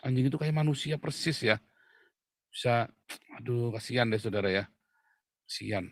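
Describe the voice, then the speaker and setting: A middle-aged man preaching a casual, joking sermon, dropping to low murmurs and then shouting out loud. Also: moderate pace, no room sound, clean studio sound. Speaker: pastor.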